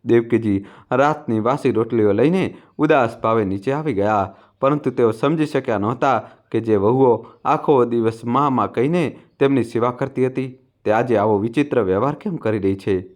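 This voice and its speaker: A man narrating a family story in a steady, even storytelling manner. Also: mid-range voice, moderate pace. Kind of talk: scripted narration.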